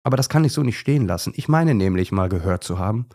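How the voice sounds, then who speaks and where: A man's voice: lowish voice, expressive, fast talker, mellow. A man voicing a know-it-all male chimpanzee in a children's story, pedantic and always correcting others. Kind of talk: storybook character voice.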